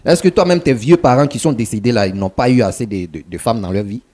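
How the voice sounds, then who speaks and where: An actor playing a talk-show guest who calmly justifies taking his friend's wife and turns combative when challenged. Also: mid-range voice, quick pace, no room sound, natural voice. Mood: defiant. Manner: calm justifying, then combative.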